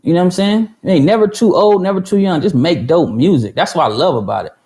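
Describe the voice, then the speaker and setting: A man in his thirties with a high, lively, darkish voice talks quickly on a livestream for music producers. He tells a long, rambling story full of swearing, fillers and restarts, stopping mid-tale to answer viewer chat.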